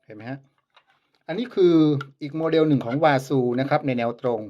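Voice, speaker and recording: Blunt Thai flute maker, lo-fi. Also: male voice, fairly high pitch, fast, soft background music. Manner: polite but scornful of rivals. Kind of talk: casual demonstration vlog.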